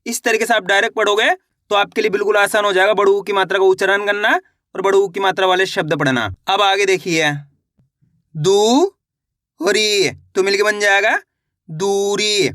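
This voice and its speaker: A man teaching beginners to read, sounding out each letter slowly and encouraging his viewers, checking often whether they follow. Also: high-pitched, fairly even intonation, bright, forceful tone, dry recording, clean studio sound. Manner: encouraging, addresses viewers as friends. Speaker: reading teacher. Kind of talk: beginner reading lesson.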